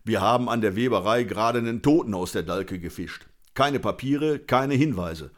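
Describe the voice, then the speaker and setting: A man voicing an older, easygoing but tough police officer who speaks calmly and good-naturedly. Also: on the low side, normal speed, close to an everyday voice. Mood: matter-of-fact. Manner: good-natured, calm, matter-of-fact.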